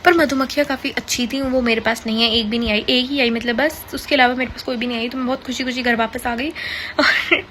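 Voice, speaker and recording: A teenage girl from India, a student vlogger, tells stories casually from her bed, laughing often and mixing English into Hindi. Her voice is on the high side, steady, brisk, and a bit bright, with slight background noise in her bedroom.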